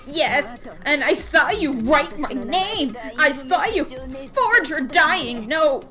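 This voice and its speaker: A woman's voice: high voice, animated, takes it slowly. A woman voicing a timid, nervous teenage girl who stammers and hesitates as she tells what she saw. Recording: game music behind.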